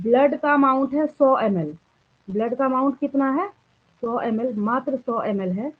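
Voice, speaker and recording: A fairly high-voiced woman with an Indian accent lectures a class on biology, switching between Hindi and English. She puts questions to the students and answers them herself. The sound is thin and tinny, like a phone line. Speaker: biology teacher.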